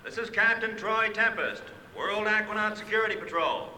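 An actor playing an authoritative heroic submarine captain, declaiming orders in a puppet adventure series. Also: male voice, high-pitched, moderate pace, sharp tone. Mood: stern. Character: commanding heroic submarine captain hailing intruders. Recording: reverberant, noisy hail from afar.

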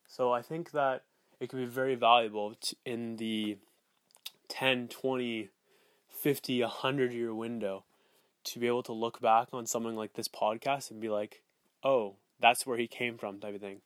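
A man's voice: mid-range voice, fairly even intonation, moderate pace, smooth, no echo. A man speaking candidly and off the cuff as a podcast host, rambling and repeating for emphasis, recorded on a phone voice memo app. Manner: candid, rambling, emphatic repetition, casual swearing. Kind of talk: casual unscripted solo podcast monologue. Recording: close dry phone voice memo.

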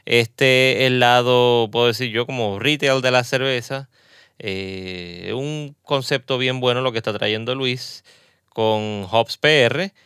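A Puerto Rican podcast host, accent Puerto Rican Spanish, runs a relaxed interview chat in a small studio, frequently laughing and slipping into asides. His mid-range voice is unhurried, a bit bright, clear and resonant, with no room sound.

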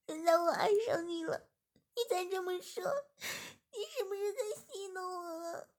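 A woman voicing a devoted young female servant, crying and pleading in a high, loud voice. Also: fairly even intonation, moderate pace. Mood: tearful pleading.

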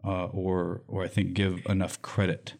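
Low, monotone and unhurried, his voice is creaky and a little mellow. The speaker is a Michigan nonprofit executive director being interviewed as a guest. He responds earnestly and emphatically, frequently closing a point with "right?".

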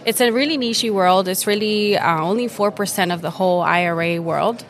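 A woman's voice: mid-range voice, brisk. A young woman from Venezuela, a guest on a podcast, explaining retirement investing eagerly with plenty of fillers, recorded on a busy conference floor. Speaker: guest, retirement account specialist. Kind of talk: conversational interview.

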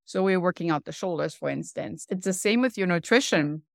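A woman guest on a podcast, a wellness coach explaining her approach in an earnest way, slowing down to stress points. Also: on the low side, gravelly, no room sound, studio quality. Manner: earnest, explanatory, slows down for emphasis. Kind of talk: podcast interview.

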